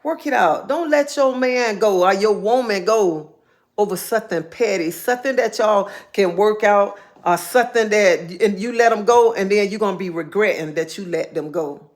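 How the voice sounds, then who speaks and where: A woman's voice: medium pitch, moderate pace. A woman, talking in a casual live-stream monologue, earnest and heartfelt, repeating herself for emphasis. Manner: earnest, heartfelt storytelling with repetition.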